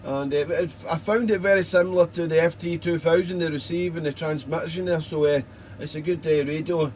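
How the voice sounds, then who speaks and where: A British man with a slightly high voice works as a radio operator on air. He rambles chattily in casual operator jargon, with faint noise behind him. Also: steady tone, a little fast, darkish tone.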